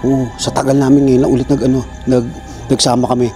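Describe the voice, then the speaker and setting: A man's voice: mid-range voice, level tone, fast talker, mellow, soft background music. A man hosting a ghost-hunting vlog at night in a windy outdoor cemetery, filming on a handheld camera. He swears often and talks straight to his viewers. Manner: jumpy, swears a lot, speaks to viewers. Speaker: vlog host.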